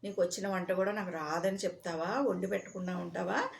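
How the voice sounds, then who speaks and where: A woman's voice: lowish voice, steady tone, brisk, vocal fry, a little hiss or hum. A woman voicing a simple-minded, forgetful village husband who talks in a naive, insistent way. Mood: angry.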